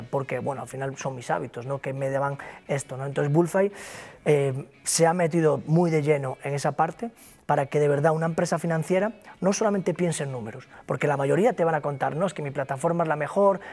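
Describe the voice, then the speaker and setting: This is a broker company founder from Galicia, Spain, speaking as a guest in an interview with a Galician Spanish accent. He talks emphatically and motivationally, repeating himself. His voice is fairly high with a darkish tone.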